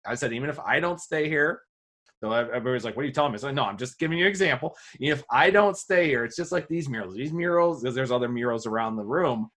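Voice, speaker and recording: A man talking quickly and casually on a podcast about his teaching. He rambles through classroom anecdotes, restarting sentences and acting out what students said. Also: a bit bright. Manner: rambling storyteller, acts out quoted students with a high voice. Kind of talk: casual conversation.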